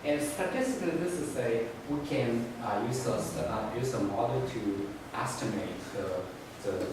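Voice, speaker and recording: A man who speaks as a gives an academic thesis defense presentation in a halting, hedging way with frequent restarts. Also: medium pitch. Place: indoor room, recorded from a distance. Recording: echoey room, distant mic, noisy background.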